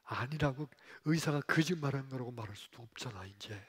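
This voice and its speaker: Husky male pastor preaching in a reverberant church. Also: medium pitch, a little fast. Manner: storytelling, emotional, swinging from hushed to loud. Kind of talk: sermon. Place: church sanctuary.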